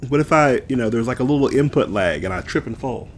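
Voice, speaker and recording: A man's voice: medium pitch, animated, fast talker, a little hiss or hum. A man casually commenting on his own gameplay, playful and jokey, talking straight to his viewers. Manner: playful, jokey, talks to viewers, drifts into sing-song bits. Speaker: gameplay streamer.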